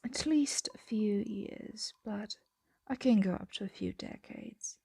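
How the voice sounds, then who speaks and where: Her voice sits in the middle range with a slight roughness as she portrays a clingy, adoring she-dragon for an intimate ASMR piece. She talks gently and with care, frequently sliding into whispers, calmly insistent, on a dry recording.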